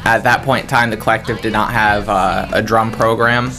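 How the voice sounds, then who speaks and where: A young man answering interview questions in a matter-of-fact, measured way. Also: fairly low pitch, steady tone, sharp tone, soft background music. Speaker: music school student, drummer.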